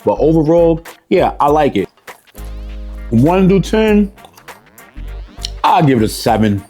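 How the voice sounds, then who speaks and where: A man's voice: a little high, big pitch swings, takes it slowly, dark tone, soft background music. A man, chatting casually and boastfully as a cooking contestant tasting food. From New York. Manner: boastful, streetwise, easygoing.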